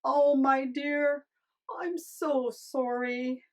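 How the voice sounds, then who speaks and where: A woman voicing a meek, kindly fisherman, a reluctant husband in a storybook tale, speaking in a gentle, hesitant, pleading way. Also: sits high, fairly even intonation, extremely slow. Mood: sorry. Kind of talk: storybook character acting.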